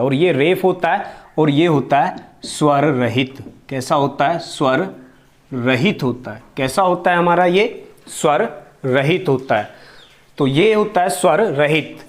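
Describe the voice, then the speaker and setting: With a fairly high voice, a teacher from India works through a grammar lesson as if in a classroom. He speaks slowly and patiently, and he keeps repeating terms and asking questions he then answers himself.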